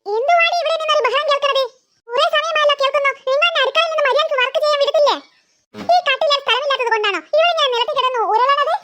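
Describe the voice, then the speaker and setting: A harried cartoon mother, very high and bright, firing off quick complaints at her quarrelling kids. Her scolding tone stays at the fore. It is recorded close and dry. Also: no echo. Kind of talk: cartoon voice acting.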